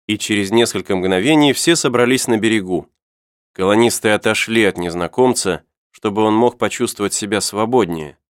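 A man narrating an adventure novel as an audiobook in an even, clear storytelling manner. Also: fairly low pitch, no echo, clean studio sound.

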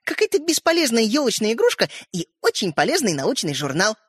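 A woman reader voicing a cheerful, bossy schoolgirl who talks in bright, teasing tones. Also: fairly high pitch, huge pitch swings, a little fast, husky, no room sound, clean studio sound, pitched above the performer's own voice, full character voice. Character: cheerful know-it-all schoolgirl, bossy older sister.

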